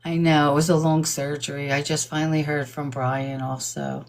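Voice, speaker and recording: A woman's voice: sits low, level tone, normal speed. An older woman hosting a live stream, chatting casually, laughing often and greeting viewers by name. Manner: admits nervousness about reading aloud.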